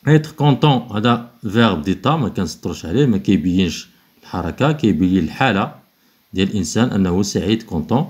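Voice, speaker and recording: A man with a Moroccan accent, teaching French exercises, alternating quick explanation with slow, spelled-out dictation. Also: on the low side, animated, a little mellow.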